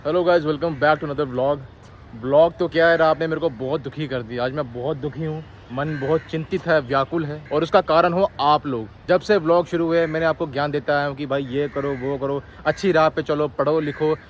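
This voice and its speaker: Vlogger man, slightly higher voice, mock-stern then chatty, phone mic, faint street noise. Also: steady tone, moderate pace. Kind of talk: casual vlog talk to viewers.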